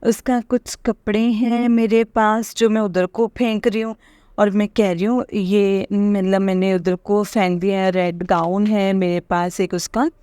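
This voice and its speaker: Woman, mid-pitched, dry close mic, rambling testimony with lots of fillers. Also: level tone, a little slow, dark tone, clean tone, no echo. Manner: rambling, hesitant, many fillers and restarts. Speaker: devotee sharing a dream experience. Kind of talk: casual spoken testimony.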